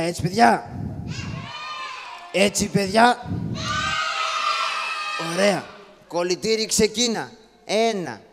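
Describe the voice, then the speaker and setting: A man doing a scrappy shadow-puppet father with a gravelly, high voice, bossy and teasing toward his kids. The sound rings in a long echoey hall of a live show. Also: slight background noise. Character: Karagiozis, scrappy poor comic father, loud and scolding.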